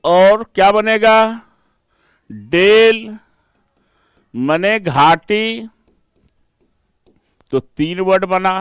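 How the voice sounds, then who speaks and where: Male Indian teacher, exam-prep lecture, very slow deliberate delivery, crisp clear voice. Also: high-pitched, lively intonation, dry recording. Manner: explains step by step, mixing Hindi and English, asks rhetorical checks. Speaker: reasoning teacher.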